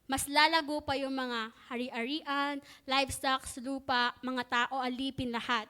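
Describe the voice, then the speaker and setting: A woman's voice: high voice, fairly even intonation, measured pace, bright, forceful tone, clear, resonant tone. A woman teaching at church, retelling a Bible story in a chatty way with joking asides.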